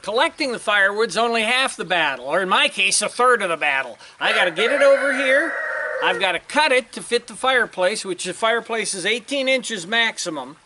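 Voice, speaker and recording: Working outside on a ranch as roosters crow, an older vlogger chats in a casual, folksy way, slightly winded and often starting his sentences over. He sounds high-voiced, animated and fairly quick, with background noise in the recording.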